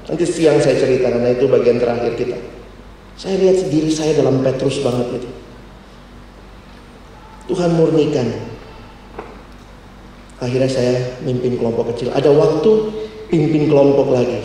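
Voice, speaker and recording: A young man preaching a personal testimony sermon, swinging between loud exclaims and low murmurs. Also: distant mic, slight background noise. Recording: roomy hall, heard from afar.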